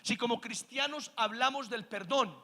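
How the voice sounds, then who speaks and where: A pastor preaching with a very high, bright voice, pressing the congregation for amens. His emphatic sermon rings out with a long reverb through a church hall. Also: moderate pace. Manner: emphatic, calls the congregation to answer amen.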